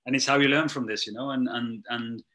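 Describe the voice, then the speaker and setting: This middle-aged strength and conditioning coach, whose first language isn't English, answers interview questions with many fillers and restarts, his sentences trailing off at the end. His mid-range voice is brisk, bright, and forceful, with fairly even intonation.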